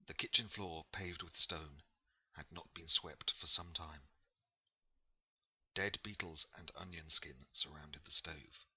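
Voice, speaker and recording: A man narrating a novel in a measured, unhurried storytelling manner. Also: a bass voice, steady tone, sharp tone, breathy edge, lo-fi sound. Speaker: audiobook narrator. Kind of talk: scripted narration.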